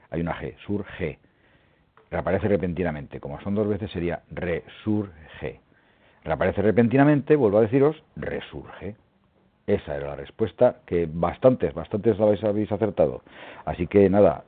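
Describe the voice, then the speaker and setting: A man with a very low, husky voice chats away loosely, hesitating as he hunts for words. He sounds like a regular radio guest phoning in, and the line is narrow and phone-like. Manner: chatty, rambling, hesitant. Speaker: radio puzzle presenter. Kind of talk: casual radio chat.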